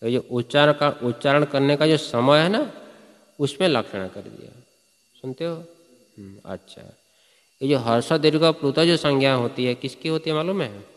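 A man's voice: on the high side, animated, normal speed. A male teacher explains Sanskrit grammar to a class in Hindi, stopping often to ask his students whether they follow. He recites sutras, then explains them plainly. His voice carries a long reverb, as in a large hall. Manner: asks students frequent check questions. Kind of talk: classroom lecture.

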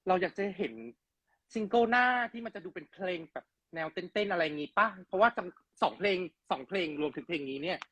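A man's voice: high voice, lively intonation, fast talker, fairly bright tone, no room sound. A man hosting an interview, chatting and teasing as he reads out fan questions. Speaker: interviewer host. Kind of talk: casual interview.

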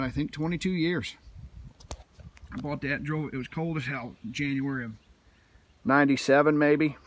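With slight background noise, a middle-aged man from Missouri speaks in a mid-range voice while showing his canoe rack outdoors in the rural woods. He films on a phone camera as he walks, rambling in a proud, folksy, off-the-cuff way.

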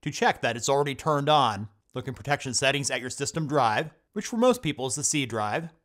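A man hosting a computer help tutorial, reading scripted step-by-step instructions in a steady voice-over. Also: medium pitch, brisk. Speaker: tech tutorial host. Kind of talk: scripted screen-recording voice-over.

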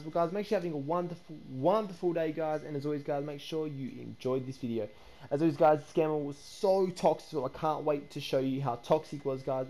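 A man hosting a game video, excitable and chatty, slipping into shrill indignation when he feels cheated. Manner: excitable, repeats "guys" and "bro", turns shrill and indignant. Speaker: gaming YouTuber host. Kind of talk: gaming commentary with voice chat.

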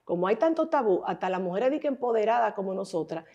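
Woman, mid pitch, talk show host, supportive interjections. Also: expressive, fast, warm tone, highs cut off. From Dominican Republic.

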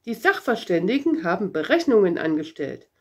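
A woman voicing a brisk, self-assured salesman of thirst pills in a storybook read-aloud. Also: medium pitch, very animated, darkish tone, husky. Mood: businesslike.

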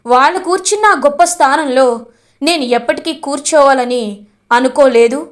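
A woman voicing a humble, respectful young man who speaks softly and modestly. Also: sits high, moderate pace, lightly acted.

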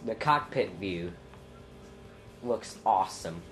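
Over faint game music, a young man plays a racing game and commentates in a loose, slow, stuffy voice that is low and expressive. Clearly under the weather with a congested throat and blocked nose, he drifts into ums while thinking aloud and lets out sudden loud yelps in this casual let's-play.

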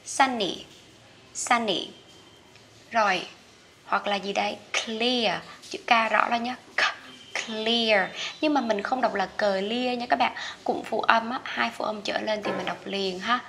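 A woman with a Vietnamese accent teaching English vocabulary, saying each word slowly and repeating it for learners. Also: medium pitch, fairly even intonation, creaky, a bit bright, a little hiss or hum. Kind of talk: vocabulary lesson.

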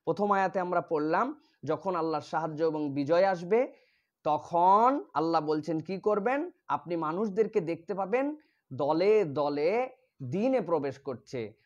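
A man teaching Quran pronunciation and tafsir, drawing out Arabic words loudly, then explaining more quietly. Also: high-pitched, expressive, moderate pace, muffled recording.

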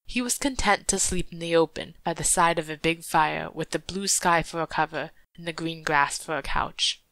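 Low-voiced woman reading a story. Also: moderate pace, a bit bright, dry recording. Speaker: audiobook reader. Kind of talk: storybook narration.

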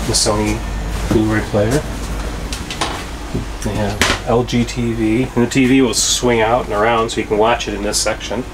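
A man's voice: on the low side, level tone, moderate pace, long pauses. Man touring inside a small trailer, noisy background. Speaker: RV vlog host. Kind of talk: casual walk-through tour commentary. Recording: noisy small trailer interior, air-conditioning hum.

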